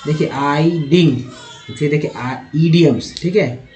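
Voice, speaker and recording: A man's voice: fairly high pitch, unhurried, darkish tone, faint music behind. A man teaching English reading, spelling out letters and sounding out words one by one. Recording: echoey room.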